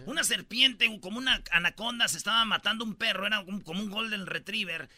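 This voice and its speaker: A man's voice: sits high, quick pace, crowd noise. A man from Michoacán with a Mexican accent, hosting a comedic countdown with slangy, joking storytelling. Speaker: host.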